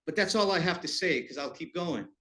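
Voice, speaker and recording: A man hosting a college talk, introducing the guest speaker in a warm, slightly halting way in a lecture room. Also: fairly high pitch, animated. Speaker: event host introducing the speaker.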